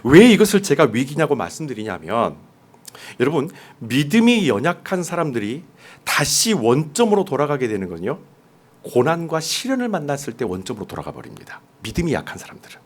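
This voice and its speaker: A man's voice: mid-range voice, huge pitch swings, brisk. A man preaching a sermon as pastor, talking conversationally and putting questions straight to his congregation. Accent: mostly standard Seoul Korean, dialect suppressed. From Jeolla, South Korea.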